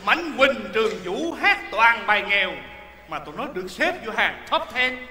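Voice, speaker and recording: A man's voice: high-pitched, sing-song, moderate pace, pushed and bright, exaggerated voice. An actor playing a hungry, forgetful male folk-opera actor in a stage comedy sketch, whiny and pleading. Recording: echoey hall stage recording with crowd noise.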